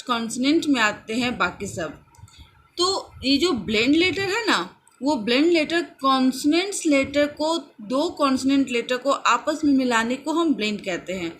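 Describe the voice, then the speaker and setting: A woman teaching children phonics in a mix of Hindi and English, slowly sounding out and repeating each word. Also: on the high side, fairly bright tone, a little hiss or hum. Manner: slow, drawn-out repetition of sounds and words.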